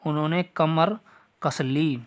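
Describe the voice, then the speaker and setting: A man with a slightly high voice teaches a Hindi grammar lesson for students preparing for exams. He goes through the example sentences one at a time and keeps addressing his listeners, asking whether they have understood. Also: slow pace. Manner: explains step by step, repeats example sentences; talks straight to students, asks if they follow. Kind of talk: exam-prep grammar lesson.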